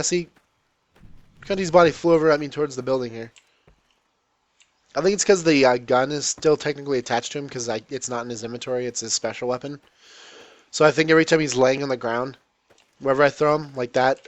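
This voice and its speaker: A man's voice: medium pitch, no echo. A man hosting a let's play, giving casual gameplay commentary in a joking, rambling, irreverent way.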